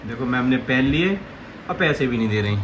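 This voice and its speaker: Lively Bundelkhandi vlogger, teasing and laughing. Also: medium pitch, a little fast, highs cut off, faint music behind. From Bundelkhand, India. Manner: teasing, animated, laughs often. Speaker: family vlogger. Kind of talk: playful home vlog, playing shop with children. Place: home.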